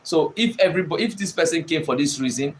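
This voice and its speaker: A man's voice: fairly high pitch, fast, a little hiss or hum. Emphatic man teaching on leadership. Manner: repetitive, emphatic, addresses listeners directly. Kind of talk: motivational teaching monologue.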